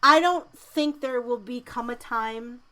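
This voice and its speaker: A woman's voice: a little high, a little slow, crowd noise. A woman co-hosting a podcast in casual chat, informal and emphatic, sometimes reading out news items. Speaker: podcast co-host.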